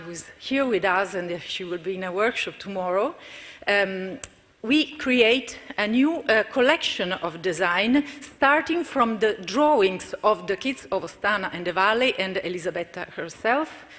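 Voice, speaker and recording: A woman's voice: mid-range voice, animated, moderate pace, a bit bright. A woman giving a conference presentation for her community cooperative, hesitant with fillers and restarts. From Italy. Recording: reverberant conference hall.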